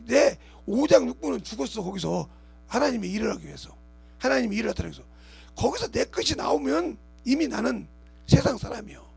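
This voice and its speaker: A man's voice: very high-pitched, vocal fry, darkish tone, husky. A man preaching a sermon as pastor of his church, emphatic, acting out imagined speakers and asking the congregation rhetorical questions. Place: church sanctuary.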